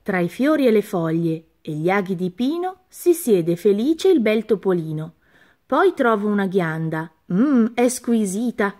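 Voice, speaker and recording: A woman reading a rhyming children's storybook aloud, with an expressive, sing-song delivery. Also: mid-range voice, moderate pace.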